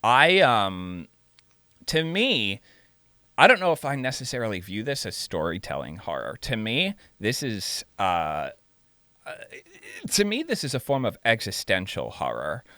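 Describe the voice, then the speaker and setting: A man co-hosting a casual film talk show, speaking in slow, reflective, drawn-out phrases. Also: on the low side, wildly swooping pitch, sharp tone, no room sound. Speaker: podcast co-host.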